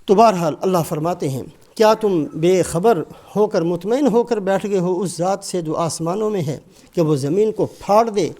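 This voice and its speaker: A man's voice: high voice, dark tone. An older man giving a sermon with Quran commentary, emphatic and rising and falling, breaking into Arabic recitation.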